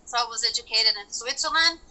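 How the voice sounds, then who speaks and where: Bright-voiced woman on a video call. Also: fairly high pitch, rough recording. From Brazil. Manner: loose, halting, with many fillers. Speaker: company founder presenting to members. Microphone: laptop mic on a video call.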